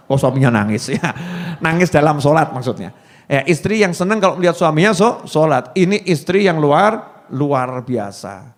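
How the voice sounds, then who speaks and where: Man, preacher, humorous sing-song sermon, fairly high voice, long hall reverb. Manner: humorous, sing-song, mixes in Javanese phrases, acts out prayers. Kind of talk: lively sermon to a gathering.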